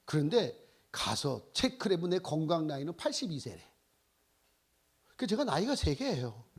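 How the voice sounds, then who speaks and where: A man in his sixties preaches as a missionary, spinning personal stories with exclaiming, animated delivery. His voice sits high and swoops widely in pitch. It has a gravelly, husky grain. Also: normal speed. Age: 60s. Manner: animated storytelling, exclaiming and laughing often.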